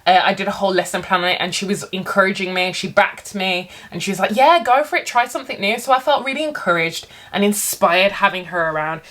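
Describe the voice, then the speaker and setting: A woman vlogger chatting casually to camera while eating, telling stories in an animated way with her mouth sometimes full. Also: on the low side, quick pace, few pauses. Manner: animated storytelling, acting out quotes. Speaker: English teacher. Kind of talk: casual mukbang chat to camera.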